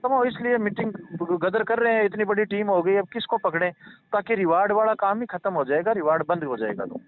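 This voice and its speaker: A man with a high voice talks briskly, his intonation lively, during a casual call on a tinny line with faint noise. He rambles and repeats himself, earnestly explaining and reassuring.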